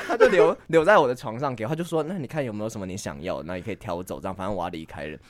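A man in casual podcast chat, telling a rambling personal story with fillers and quick laughs. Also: lowish voice, animated, no room sound. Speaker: guest.

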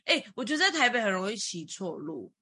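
A woman, co-hosting a podcast and telling stories in a lively, animated way. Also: fairly quick, crowd noise. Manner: animated storytelling, jumps in pitch when retelling panic. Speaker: podcast co-host. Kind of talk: casual chat.

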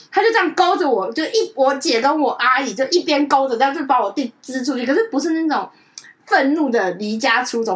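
A woman co-hosting a chat podcast, telling a family story in a lively way and acting out relatives' lines. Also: distant mic. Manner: animated, acts out family members' lines with big pitch jumps. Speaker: podcast co-host.

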